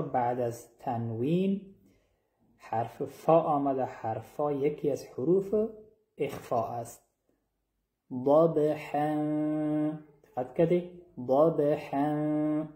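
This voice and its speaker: A man leads a tajweed lesson and repeats each syllable slowly and deliberately. His voice is warm and mellow. It is recorded in a room with a noticeable echo. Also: fairly high pitch. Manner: explains slowly and repeats sounds, drawing out demonstrated syllables. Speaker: Quran recitation teacher.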